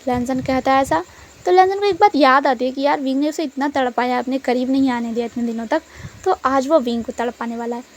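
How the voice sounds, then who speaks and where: A woman's voice: high-pitched, steady tone, a little fast, slight background noise. A woman casually retelling a story in a chatty way, mixing in English words.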